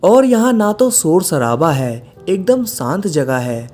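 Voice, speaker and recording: A man's voice: high voice, slow pace, faint music behind, pitched above the performer's own voice, exaggerated voice. A man doing a cheerful, coaxing father. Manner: coaxing, relaxed. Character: cheerful easygoing father of two.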